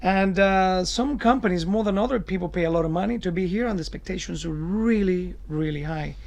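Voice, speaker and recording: A man answering interview questions as a cruise director, explaining things emphatically in deliberate phrases. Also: sits high, vocal fry.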